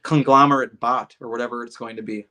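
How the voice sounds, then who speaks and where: A male podcast host with a medium-pitched, sharp-toned voice talks quickly with fairly even intonation. He's friendly and talkative, chatting casually and at length with his guest in an interview and restarting his sentences often.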